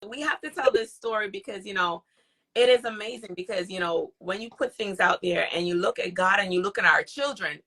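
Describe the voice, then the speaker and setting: A woman hosting a podcast interview, telling a story excitedly with frequent laughter. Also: mid-range voice, brisk. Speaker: podcast host. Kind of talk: conversational interview.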